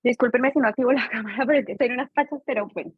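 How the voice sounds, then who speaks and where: A woman with a fairly high voice explains her thoughts in an earnest, teacherly manner. Her sound is thin and phone-like, with no room around it. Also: very fast, husky, no echo. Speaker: participant. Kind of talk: video call sharing. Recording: tinny phone-like call audio.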